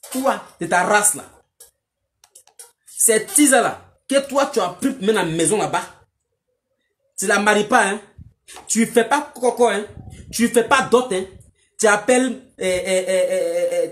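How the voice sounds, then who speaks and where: A woman, delivering a mocking, scolding monologue aimed at a man, repetitive and emphatic. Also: mid-range voice. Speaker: online commentator.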